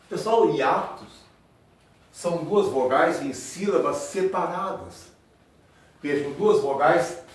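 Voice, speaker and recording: A man teaching a grammar lesson at a board, speaking slowly and repeating each example word. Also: on the high side, distant mic. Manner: slow, drawn-out, repeats example words. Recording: very echoey room, voice from afar.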